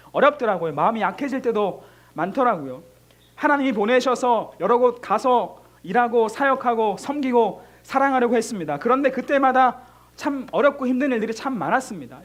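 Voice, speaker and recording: A middle-aged man preaching to a middle school youth group, earnest and repetitive, acting out pleading prayers as he speaks. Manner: earnest, repeats phrases, voices pleading prayers with rising pitch; leads the congregation in reading scripture slowly. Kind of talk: sermon.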